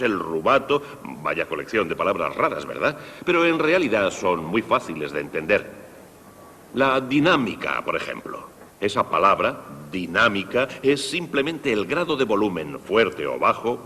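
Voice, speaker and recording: A man presenting a concert for young people, explaining music to children in a lively, direct way, dubbed in Spanish. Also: low voice, normal speed, in a large hall, slight background noise. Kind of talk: Spanish dub of a televised music lesson.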